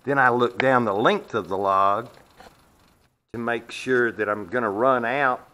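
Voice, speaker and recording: A man's voice: mid-range voice, unhurried, pushed and bright. A man demonstrating his sawmill in a metal shed, explaining in a plainspoken, folksy way, sometimes walking away from the camera. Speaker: sawmill owner. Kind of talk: hands-on demonstration.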